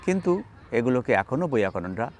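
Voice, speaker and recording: This is a male lecturer from Bangladesh teaching in an educational video. His voice rises and falls widely, landing hard on key terms. He works through examples one by one in a clear, explanatory way. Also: mid-range voice, very animated, a little fast. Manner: explanatory, emphatic, gives spoken examples. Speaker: linguistics lecturer.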